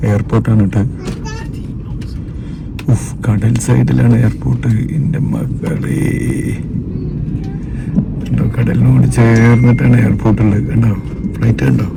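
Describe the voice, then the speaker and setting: A man's voice: mid-range voice, level tone, normal speed, vocal fry, long pauses. A man with a Malayali accent giving casual, chatty travel vlog commentary, mixing English words into his Malayalam and often tossing short questions to viewers. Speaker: travel vlogger. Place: outdoors on city streets. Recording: noisy outdoor street and traffic ambience.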